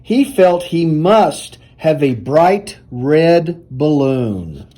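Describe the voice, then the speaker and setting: A man with a fairly high pitch reads aloud from a children's picture book, his storytelling both animated and deliberate.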